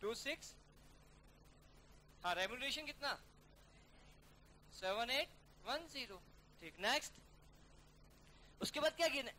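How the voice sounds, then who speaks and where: Male teacher, bright forceful voice, drills a class through a worked problem, faint hiss behind. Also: extremely high pitch, lively intonation. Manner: brisk, coaxing students to call out figures; calls students "beta" and "yaar". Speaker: accounting teacher.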